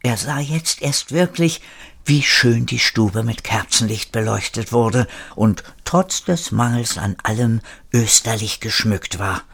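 A man narrating a story in a measured, scripted way. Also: mid-range voice, lively intonation, gravelly, fairly bright tone, husky. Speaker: audiobook narrator.

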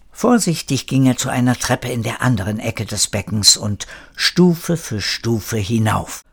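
A man reading a children's story aloud in a calm, measured way. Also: medium pitch. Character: old parrot narrator recalling the past. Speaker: narrator.

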